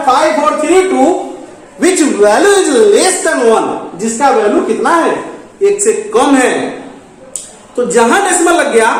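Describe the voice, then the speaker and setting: High-voiced male teacher in an echoey classroom. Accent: Bihari Hindi mixed with English number words. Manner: repeats questions and answers them himself, calls the class "my dear children". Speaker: school teacher. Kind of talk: classroom math lesson.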